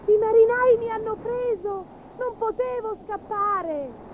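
A woman's voice: very high voice, takes it slowly, voice pushed up. A woman doing a tiny pleading kitten, Gobbolino. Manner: pleading, sobbing cries. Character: frightened little male witch's kitten. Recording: tinny phone-like sound, faint hiss.

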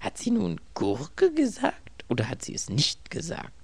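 A man's voice: fairly high pitch, huge pitch swings, a little slow, breathy edge, no echo, voice pushed up, exaggerated voice. A man voicing an irritable, bewildered young writer who grumbles and mutters in exasperation.

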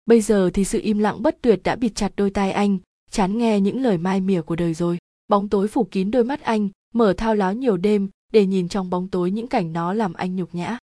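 A woman's voice: mid-range voice, brisk, dark tone, dry recording, studio quality. A woman reading a literary story aloud as narrator, dramatic and emotive.

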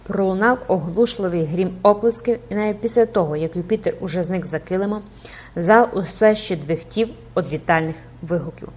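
A woman reading a classic novel aloud in a measured, expressive audiobook narration. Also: fairly low pitch, husky.

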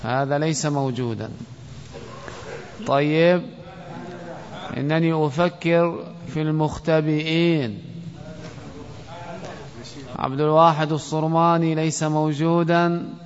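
A man's voice: on the high side, fairly even intonation, a little slow, long pauses. Man teaching in a reverberant hall. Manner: quizzes students, calls on them by name. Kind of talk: classroom Arabic grammar lesson with questioning. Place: classroom or mosque hall. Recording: lo-fi recording with long hall reverb.

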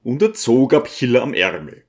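A man narrating a novel as an audiobook in an expressive storytelling manner. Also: mid-range voice, normal speed. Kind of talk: scripted narration.

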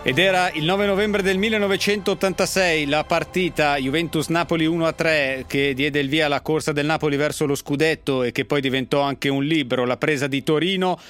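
A man's voice: fairly high pitch, fairly even intonation, fairly quick, few pauses, fairly bright tone, soft background music. A man hosting a sports radio show, presenting to listeners and putting questions to guests.

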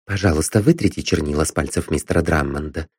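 A man lifting his voice for a calm, composed lady sleuth. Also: mid-range voice, normal speed. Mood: cool. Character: calm, cool-headed young woman detective.

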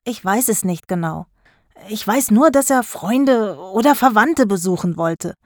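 A woman's voice: mid-range voice, expressive, a little slow, dry recording, lightly acted. A woman voicing a cheeky teenage schoolboy who speaks bluntly, in a dry storybook recording.

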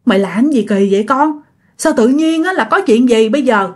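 A woman's voice: a little high, lively intonation, normal speed. A woman voicing an elderly grandmother who fretfully pleads with her son and questions him. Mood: pleading.

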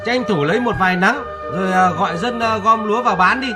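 An actor playing a stubborn, dismissive older village farmer in a radio drama. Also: male voice, high voice, fast, music in the background, close to an everyday voice. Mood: bossy. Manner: dismissive, stammering.

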